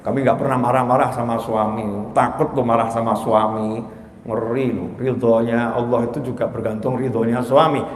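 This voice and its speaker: A man voicing a meek, devoted wife in the congregation, soft, quiet and teasing. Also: mid-range voice, little pitch movement, moderate pace, slight background noise, voice pushed down, natural voice. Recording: echoey mosque hall.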